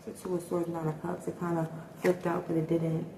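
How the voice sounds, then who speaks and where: A woman with a lowish, creaky, monotone voice gives a casual tarot reading at a slightly quick pace. She thinks aloud and hesitates often, filling her speech with ums and likes. The room is echoey, with faint noise in the background.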